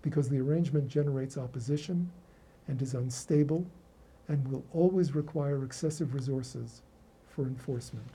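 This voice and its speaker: A man delivering a scripted academic lecture in a formal, measured, erudite professorial manner, with a husky voice. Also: mid-range voice, mellow.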